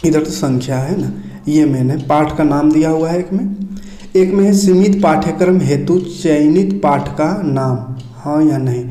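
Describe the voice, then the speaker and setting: Unhurried and warm, a man walks students through a lesson on a casual screen share, his mellow voice set slightly high. He covers one item after another, stopping again and again to confirm understanding. Noticeable bare-room echo colors the audio.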